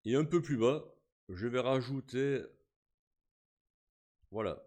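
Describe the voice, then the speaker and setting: A man, casually talking through a software tutorial step by step, with frequent fillers as he clicks. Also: medium pitch, slow pace. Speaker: tutorial host. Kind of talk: screen-recorded software tutorial.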